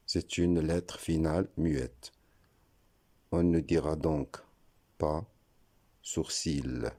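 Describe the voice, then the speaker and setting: A man with a very deep, dark voice explains pronunciation in a slow, deliberate way. He spells words out letter by letter, like a patient teacher. His tone is husky. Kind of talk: scripted explanatory lesson.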